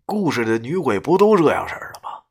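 A man telling a live horror-comedy story, dramatic and swinging between hushed and loud. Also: mid-range voice, very animated, fast, vocal fry, breathy edge.

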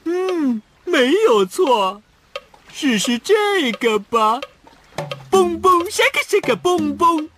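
A showy male squid from a children's cartoon. The voice is high and swings dramatically, drawn out slowly into sing-song chants. He is theatrical and bossy. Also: sing-song, a little hiss or hum, full character voice. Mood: bossy, testing. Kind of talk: children's cartoon dub acting.

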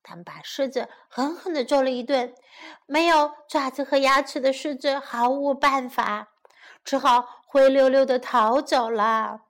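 A woman teacher narrating a children's story and English lesson in a gentle, coaxing tone. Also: sits high, steady tone, unhurried.

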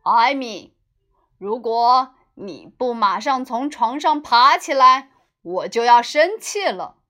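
A woman's voice: on the high side, lively intonation, slow, a bit bright. A woman voicing a stern, exasperated father in a children's storybook. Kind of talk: storybook character voice.

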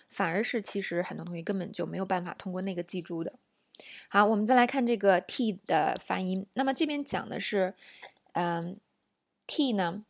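A woman teaching English pronunciation in an audio lesson, explaining slowly and saying each example word several times. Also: mid-range voice, vocal fry, no room sound, studio quality.

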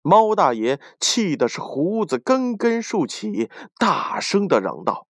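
A man narrating a children's folk tale in an expressive, lively reading. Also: high voice, slow pace, no room sound, studio quality. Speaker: storyteller. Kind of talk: storybook narration.

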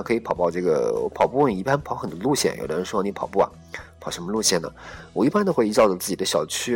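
Male podcast host, low voice, quick rambling delivery, faint music underneath. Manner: rambling, many fillers and restarts. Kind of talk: casual solo podcast talk.

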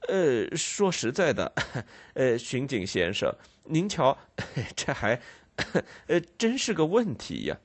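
A timid shopkeeper fumbles his words with soft nervous laughs and hesitant fillers, a little lower and quieter than the narration. A man does the voice in a storybook reading. He sounds fretful and eager to apologize. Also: wildly swooping pitch, takes it slowly, dry recording, heavily acted. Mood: apologetic, flustered.

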